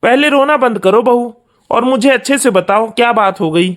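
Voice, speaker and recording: A woman voicing a stern elderly father-in-law in a cartoon family drama, calm and commanding. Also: fairly high pitch, normal speed, pitched below the performer's own voice, close to an everyday voice.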